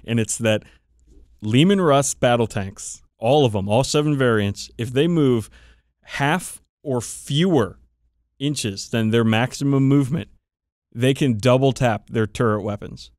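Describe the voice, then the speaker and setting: At a measured pace, a man with a medium-pitched, darkish voice co-hosts a podcast, chatting casually about his tabletop wargaming hobby. He's opinionated and emphatic and swears a great deal. The recording is dry, with clean studio sound.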